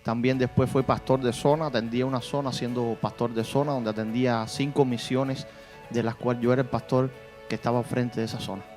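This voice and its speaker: A man's voice: mid-range voice, level tone, brisk, darkish tone, faint music behind. A man from Cuba, a church guitarist answering interview questions in a devout manner. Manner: devout, peppers speech with "amén" and "para la gloria del Señor".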